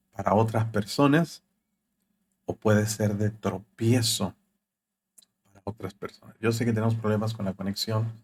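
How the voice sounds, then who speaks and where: A man's voice: on the low side, darkish tone, breathy edge. A man preaching as a pastor on a live broadcast, voicing quoted thoughts with rising emphasis.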